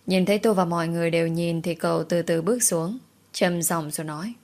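A woman tells a story in a lowish voice. She keeps a brisk, matter-of-fact pace through the narration. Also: darkish tone.

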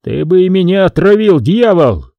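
A man's voice: on the high side, sing-song, normal speed, no echo, phone-quality sound, pitched above the performer's own voice. A man voicing a harsh, commanding nobleman who scolds a prisoner. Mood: stern. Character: stern angry male boyar, a nobleman.

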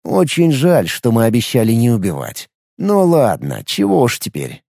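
A man's voice: medium pitch, huge pitch swings, normal speed, vocal fry, dark tone, dry recording, exaggerated voice. A man reading a sardonic, cunning male fighter with a dry, mocking manner. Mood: dry sarcastic.

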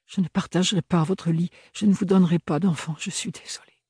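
A man reading an audiobook, voicing a frightened young woman who speaks softly and hesitantly. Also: sits high, steady tone, fairly quick, husky, no room sound, clean studio sound, pitched above the performer's own voice. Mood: hushed, anxious. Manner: soft, hushed, hesitant.

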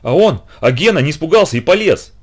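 Guy putting on a squeaky bratty little girl, mocking, shrill, pitch jumps all over. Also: big pitch swings, fairly quick. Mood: excited. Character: young girl, tattletale crybaby, shrill and teasing.

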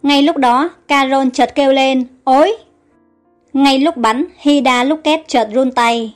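A woman reads a storybook aloud in a high, light voice, voicing each character with only small shifts. A faint music bed plays quietly beneath her. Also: fairly even intonation, a little slow. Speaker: audiobook narrator.

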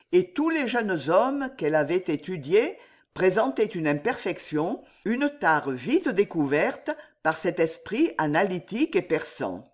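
A narrator reading a historical novel aloud in measured, expressive phrasing. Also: mid-range voice. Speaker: audiobook narrator. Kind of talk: literary audiobook narration.

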